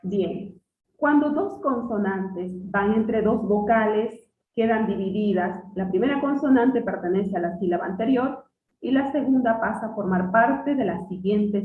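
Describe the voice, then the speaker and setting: A woman teacher giving a classroom lesson, patiently quizzing her students and repeating key words slowly. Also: medium pitch. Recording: distant echoey phone-like sound.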